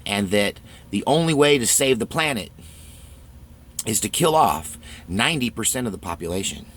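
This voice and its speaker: A man's voice: on the low side, animated, normal speed, fairly bright tone, husky. A man hosting his own channel, talking through a casual, rambling monologue with frequent restarts. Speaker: channel host.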